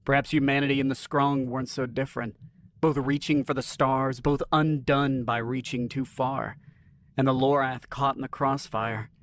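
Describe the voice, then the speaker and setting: A man narrating a scripted science-fiction story in an even, dramatic storytelling manner. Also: mid-range voice, a little hiss or hum.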